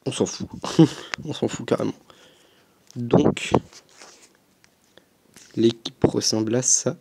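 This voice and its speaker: A young man giving casual, hesitant commentary as he plays a football game, thinking aloud with frequent pauses and fillers. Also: mid-range voice, a little mellow. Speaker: gaming YouTuber.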